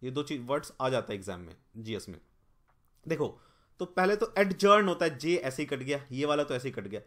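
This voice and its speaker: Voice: mid-range voice, very animated, fairly quick, fairly bright tone. A teacher working through an exam-prep mock test, spelling words out letter by letter, thinking aloud and correcting themself, with English terms mixed in. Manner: corrects themself mid-explanation.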